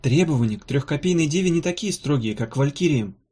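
A man reading an audiobook voices a fussy, practical female valkyrie healer with a brisk, blunt manner. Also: on the high side, lively intonation, warm tone, husky. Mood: matter-of-fact. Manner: brisk, blunt, a little embarrassed.

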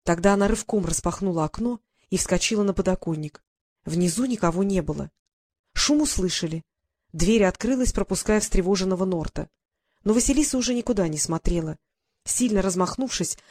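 A woman's voice: mid-range voice, brisk, a little mellow. Woman narrating a story aloud. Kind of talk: audiobook narration.

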